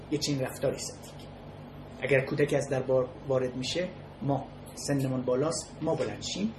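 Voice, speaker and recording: A lecturer giving a spoken talk on ethics and telling illustrative stories, speaking in a measured, halting way, pausing between phrases and restating key words. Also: mid-range voice. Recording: echoey room with faint noise.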